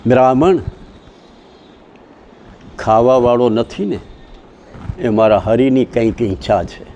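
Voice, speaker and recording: A man with a Saurashtra Gujarati accent telling a devotional story, swinging between loud exclamations and soft asides. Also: medium pitch, slow pace, muffled recording, slight background noise. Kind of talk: religious discourse with chanting. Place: outdoor village satsang gathering.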